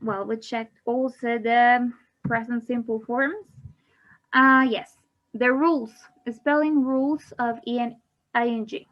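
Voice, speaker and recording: Speaking slowly in a steady, slightly high voice, a woman runs an online English grammar lesson and follows each English explanation with a Spanish one. It's recorded on a computer mic with muffled lo-fi sound.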